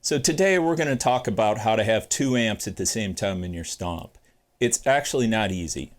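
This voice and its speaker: A guitar channel host in his forties runs a casual gear tutorial from his home music studio, chatty and self-deprecating, thinking aloud with fillers. He has a deep bass singing voice, lively intonation and a normal speaking speed.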